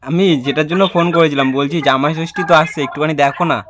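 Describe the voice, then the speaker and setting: A young man makes a prank call, teasing casually in a playful, persistent and pleading manner. His voice is a little high with a steady tone and a quick pace, and there's background noise.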